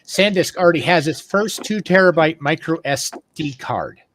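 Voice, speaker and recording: A man's voice: on the high side, moderate pace, fairly bright tone, a little hiss or hum. A man in his fifties chatting eagerly about gadgets in a casual group talk. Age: 50s. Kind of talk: casual chat.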